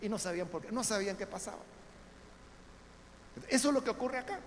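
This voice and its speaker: A man pastor, giving a conversational Bible study sermon in a church, often calling listeners brothers and building to loud emphatic peaks. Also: high-pitched, lively intonation, a little fast. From El Salvador. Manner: conversational preaching, addresses listeners as brothers, frequent tag questions. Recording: reverberant church hall, faint background noise.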